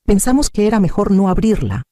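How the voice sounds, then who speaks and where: A man reading the lines of a reserved son-in-law in a quiet, restrained way. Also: high-pitched, very animated, fairly quick, no echo, studio quality, voice pushed up.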